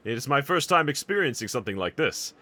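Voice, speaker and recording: A man voices a bold anime swordsman who slays demons and is earnest and reassuring at heart, speaking formally and courteously as if in an audio roleplay to a trusted companion. His voice is bright and very animated in pitch. He talks at a moderate pace and sounds curious and puzzled.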